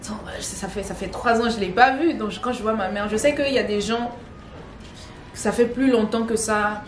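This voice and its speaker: A woman's voice: medium pitch, moderate pace, faint music behind. A young woman tells a story to her viewers in a casual way. She repeats phrases and drops slangy asides. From Gabon. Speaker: online content creator. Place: home with children playing nearby. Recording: echoey room with faint background noise.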